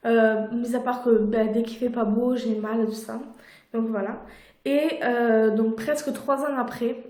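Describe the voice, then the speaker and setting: Young woman, storytime vlog, somewhat high voice, chatty and rambling, echoey room, phone camera. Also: dark tone. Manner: chatty, many fillers and restarts. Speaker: vlogger.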